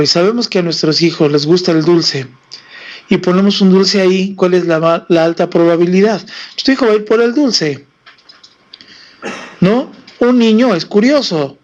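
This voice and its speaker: A man's voice: high-pitched, dull audio. A man preaching on a live stream about faith, asking the audience rhetorical questions, with a Mexican Spanish accent.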